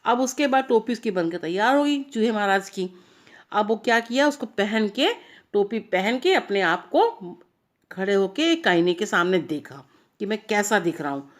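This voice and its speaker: A woman's voice: medium pitch, animated, normal speed. A woman telling a child a story in an informal, chatty way, speaking to the child directly as she goes. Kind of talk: bedtime story told aloud.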